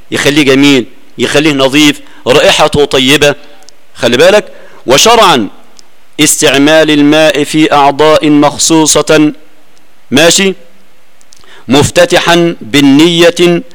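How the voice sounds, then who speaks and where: Egyptian sheikh teaching a lesson. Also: male voice, on the high side. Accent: Egyptian Arabic. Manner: explains with rhetorical questions. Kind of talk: religious lesson.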